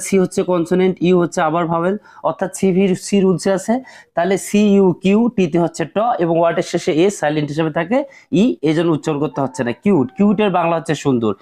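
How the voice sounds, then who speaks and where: A man teaching English pronunciation in a slow, step-by-step phonics lesson, spelling out words letter by letter and repeating each sound. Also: high-pitched, darkish tone.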